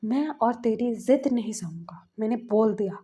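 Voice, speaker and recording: A woman's voice: fairly high pitch, normal speed, warm tone, husky. A woman voicing a bossy, protective older brother who orders his sibling around. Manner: bossy, commanding.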